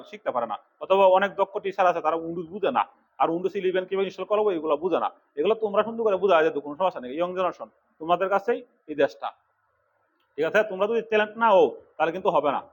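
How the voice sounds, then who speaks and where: A middle-aged man from Bangladesh lectures his computer class at a rapid clip, his voice sitting fairly high. He scolds and urges the students in turn. The recording is dull and lo-fi. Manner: fast, scolding and exhorting. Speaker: computer course instructor.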